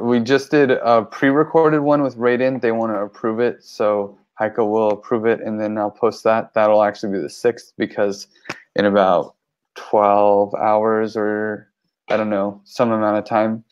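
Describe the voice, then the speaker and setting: Man in a team call, loose and rambling, low voice, muffled lo-fi sound. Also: darkish tone, clean tone. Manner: loose, rambling, many fillers. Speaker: team member reporting on campaigns. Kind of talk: casual meeting talk. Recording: dull lo-fi call audio.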